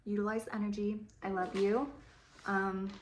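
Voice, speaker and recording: A woman's voice: medium pitch, little pitch movement, moderate pace, slight background noise. Rambling young woman in an echoey room. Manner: rambling, chatty, swears casually. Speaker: beauty vlogger. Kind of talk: casual chat while doing makeup. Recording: roomy echo.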